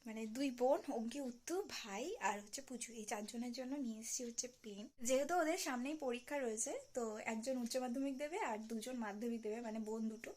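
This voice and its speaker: Young woman vlogger, hushed late-night chat into a phone at home, a little high-pitched. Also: quick pace, hardly any pauses. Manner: hushed, soft-spoken to avoid being overheard.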